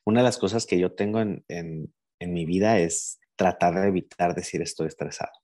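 A man's voice: deep voice, normal speed, mellow. A man talking through feelings in a casual conversation, thoughtful and explanatory. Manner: reflective, explanatory, voices imagined speech.

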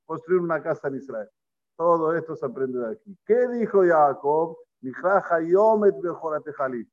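A rabbi with a Rioplatense Spanish accent teaches a Torah class in a slightly high, animated voice. He keeps turning to his students with questions and acts out the quoted lines. The recording is dull and lo-fi. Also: normal speed. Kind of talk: lively Torah lesson to a group.

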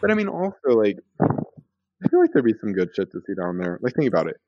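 A man with an American accent chats casually and playfully, loosely stringing his thoughts together with lots of "like." His voice is on the low side, fairly quick, and his pitch swoops wildly. The recording is dry and slightly dull.

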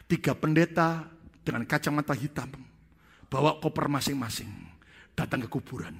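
A man's voice: mid-range voice, vocal fry, breathy edge. A male preacher telling a comic story during a sermon and speaking directly to the congregation. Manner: lively storytelling that addresses the congregation. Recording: long reverb of a large hall.

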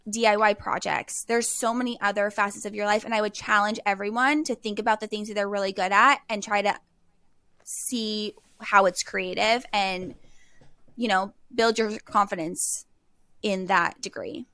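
Bright-voiced young woman telling stories. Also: medium pitch, fairly even intonation, normal speed, no room sound. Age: young adult. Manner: chatty, peppered with "like". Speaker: podcast guest. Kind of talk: casual podcast storytelling.

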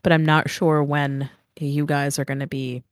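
A woman's voice: low voice, level tone, normal speed, no room sound, clean studio sound. A congested woman hosting a podcast, chatting casually, swearing and laughing often. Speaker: podcast host. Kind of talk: casual chat.

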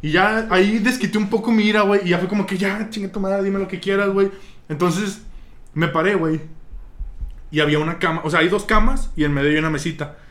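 A young man with a Mexican accent, telling friends a story in a casual, slang-heavy, animated way. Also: high voice, quick pace. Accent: Mexican Spanish. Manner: vulgar slang-heavy, animated retelling with laughs.

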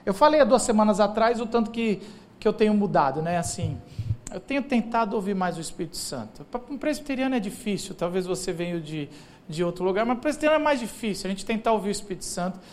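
A man's voice: high voice, lively intonation, fast, a little mellow, a little hiss or hum. A man preaching a sermon as pastor, telling humorous stories in a loose, conversational way and acting out the people he quotes. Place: church hall.

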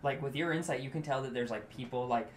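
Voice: mid-range voice, fast talker, a loud crowd. A young adult game master narrating a tabletop game casually, with lots of fillers.

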